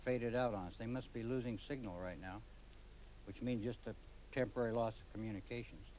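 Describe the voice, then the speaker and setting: Man, expert guest commentator, quick pace, plain explanatory talk, faint noise behind. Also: mid-range voice, darkish tone, rough recording. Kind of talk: informal live broadcast explanation.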